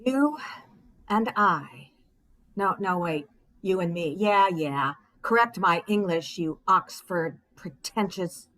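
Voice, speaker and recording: Bitter, sarcastic wife who is a therapist, played by a woman in a stage monologue; higher voice with a lively range. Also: low-quality recording. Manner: sarcastic, exasperated. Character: bitter wife, a therapist, ranting at her husband. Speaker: stage actor. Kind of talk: theatrical monologue.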